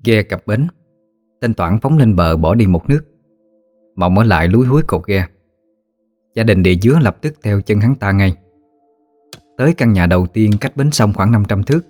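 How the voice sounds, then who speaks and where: Southern vietnamese guy telling a ghost story, low steady voice, soft music in the back. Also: moderate pace, pauses often, dry recording.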